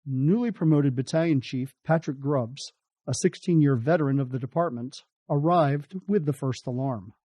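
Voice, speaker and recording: A man's voice: medium pitch, moderate pace, warm tone, no room sound. An American man reading scripted documentary narration.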